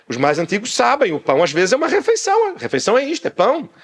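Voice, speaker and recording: A man preaching a sermon as pastor, loud by habit and animated, acting out small dialogues as he explains. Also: very high-pitched, racing. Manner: animated, acts out little dialogues; speaks loudly by habit. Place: church in Portugal.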